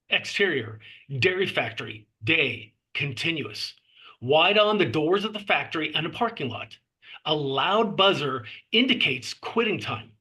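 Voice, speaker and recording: In a fairly high, forceful, husky voice, a man narrates a screenplay, giving stage directions in measured phrases and clipping scene headings short. The recording is low quality.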